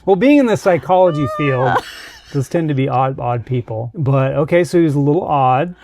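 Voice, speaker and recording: A man's voice: fairly high pitch, expressive, moderate pace, vocal fry, darkish tone. A man asking questions in an informal, conversational way as a casual interviewer.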